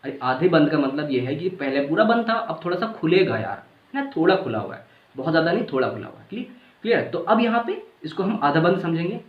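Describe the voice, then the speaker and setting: A man gives a relaxed grammar lesson, sounding out vowels and checking in with his students. His slightly high voice swings up and down as he explains. The recording sounds dull and lo-fi, with an echoey room around him. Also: fast. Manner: casual, repeats points, checks understanding. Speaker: teacher.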